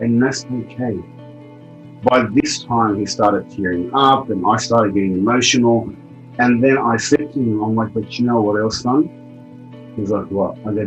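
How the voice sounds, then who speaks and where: A man's voice: fairly low pitch, muffled recording. A middle-aged man giving a heartfelt personal testimonial about a seminar, telling a family story earnestly. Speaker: event attendee giving a testimonial.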